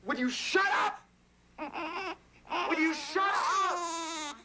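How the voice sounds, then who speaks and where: A man's voice: high-pitched, sing-song, unhurried, a bit bright, heavily acted. A teenage actor playing an overwhelmed boy who has become a young father, pleading and near tears, in a 1980s TV drama. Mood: frantic. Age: teens. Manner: pleading, then frantic and near tears with a crying baby. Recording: noisy old TV broadcast audio.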